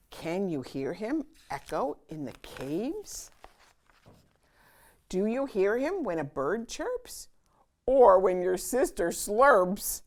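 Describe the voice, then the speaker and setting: This storytime host is a woman whose voice falls in the mid-range. Her picture book reading is expressive and sing-song, full of dramatic pauses.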